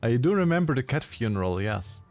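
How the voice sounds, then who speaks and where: A man casually commentating a game live, giggly and halting with frequent ums. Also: mid-range voice, very animated, a little mellow, soft background music. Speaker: streamer.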